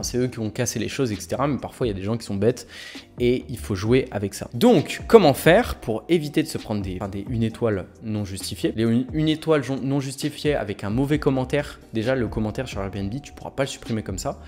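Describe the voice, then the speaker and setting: A man in his twenties giving energetic, informal advice straight to the viewer in a vlog. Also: mid-range voice, fast talker. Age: 20s. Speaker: real estate youtuber. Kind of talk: direct-to-camera advice vlog.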